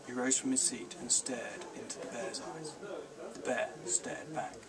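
A man, the author, reading his children's book aloud in a measured, gentle storytelling manner. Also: medium pitch, far from the mic, rough recording. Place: live reading event.

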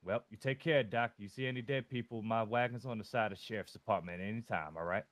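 A man's voice: fairly low pitch, fast talker, a bit bright, no room sound. A man playing a rambling, folksy, boastful undertaker in a western role-play over voice chat. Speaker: roleplayer as undertaker.

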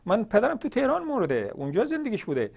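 A man from northern Iran hosts a religious question-and-answer TV show, arguing emphatically and firing off rhetorical questions in a polemical monologue. His voice is high-pitched with a darkish tone and vocal fry, and it swings hugely in pitch.

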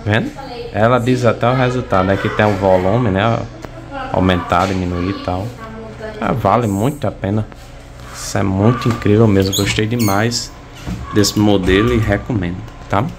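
A man's voice: fairly low pitch, fairly even intonation, normal speed. A young man with a Brazilian accent giving a casual, conversational gadget review into a phone indoors. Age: young adult. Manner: conversational, frequent tag questions. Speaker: product review vlogger. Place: small indoor room at home. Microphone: phone at arm's length. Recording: faint background room noise.

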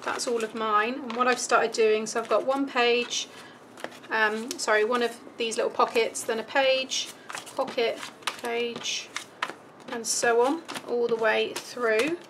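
Working at an indoor craft table, a British woman explains a craft step by step in a casual, chatty way, thinking aloud even as her voice starts to give out. She speaks fairly high with fairly even intonation at a measured pace, against background noise.

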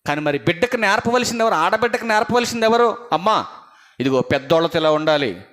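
A male pastor preaching a sermon to parents, asking his listeners repeated questions and reading scripture slowly, swinging between loud emphatic lines and quiet ones. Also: high-pitched, lively intonation.

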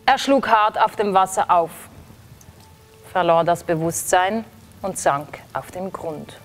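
A woman slowly reading a children's story aloud in a gentle storytelling manner. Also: fairly low pitch, faint music behind. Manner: slow, gentle storybook narration.

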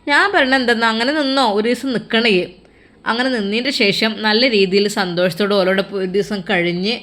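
A woman's voice: mid-range voice, fairly even intonation, a little fast, fairly bright tone, lightly acted. A woman voicing a loving, worried older mother who pleads tenderly with her son, in a Malappuram Malayalam accent. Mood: coaxing. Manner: coaxing and tender, calls him "my dear son".

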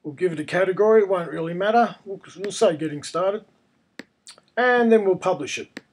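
A man presents a casual software tutorial in a noticeably high voice. It sounds husky and croaky, hoarse with a cold, as he talks through each step. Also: fairly quick. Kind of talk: casual screencast tutorial narration.

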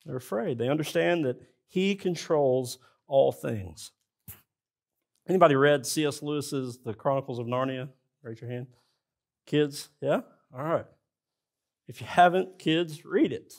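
A man's voice: on the high side, measured pace, gravelly, pauses often, a little mellow. A man preaching a sermon in a church, speaking earnestly and addressing the congregation directly. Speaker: pastor. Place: church sanctuary.

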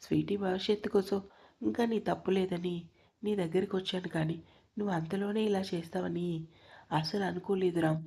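A woman's voice: on the low side, steady tone, normal speed, gravelly, dark tone, breathy edge. Woman voicing an emotional young wife. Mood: anguished. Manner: pleading, anxious.

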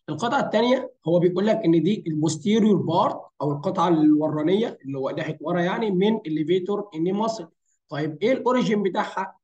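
A male anatomy lecturer with an Egyptian Arabic accent voices over a screen recording for an informal tutorial, mixing in English medical terms and answering his own questions. His high voice has a darkish tone and sounds hoarse and strained from fatigue. The recording is muffled.

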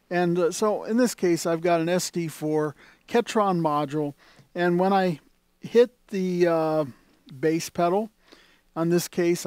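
The organ dealer's voice is fairly high, a little mellow, clear and resonant, captured with no room sound. Demonstrating the instrument indoors at the console, he chats in a rambling way, restarting often and using plenty of fillers.

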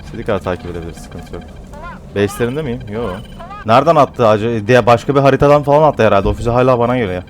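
Excitable man trash-talking over gameplay. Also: rapid-fire, slight background noise. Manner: excitable, trash-talks opponents playfully; turns loud and high-pitched when frustrated. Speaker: gamer narrating his own play. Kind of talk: casual gameplay commentary.

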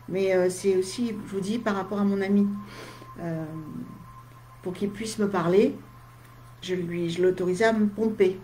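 A woman speaks casually to her live-stream audience, replying to their comments in short, chatty asides. She sounds tired, and a slight head cold leaves her voice faintly husky and dry. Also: mid-range voice, darkish tone, slight background noise. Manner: chatty, talks straight to viewers in short asides. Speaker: medium.

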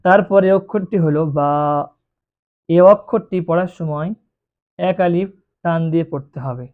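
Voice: mid-range voice, moderate pace. A Quran reading teacher giving a beginner lesson, patiently drawing out each letter sound to demonstrate it. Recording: tinny phone-like recording.

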